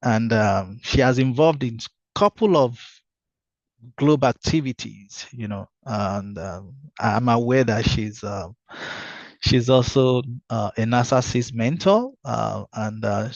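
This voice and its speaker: A man's voice: mid-range voice, slow, no echo. A man hosting an online webinar, introducing guests with many fillers and restarts. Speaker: webinar host. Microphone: video call microphone. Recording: dull, dry video call audio.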